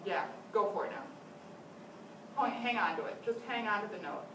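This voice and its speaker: A woman's voice: medium pitch, animated, moderate pace. An older woman teaching a flute master class, giving encouraging instructions and frequent praise. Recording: echoey room, distant mic, loud noise.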